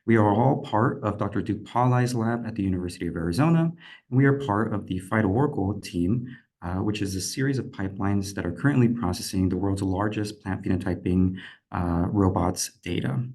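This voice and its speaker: A young man with a lowish voice walks an online audience through a lecture. He explains steadily over a video call, with the odd filler. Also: a little fast, a little mellow, a little hiss or hum. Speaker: PhD candidate presenter. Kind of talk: presenting a lecture.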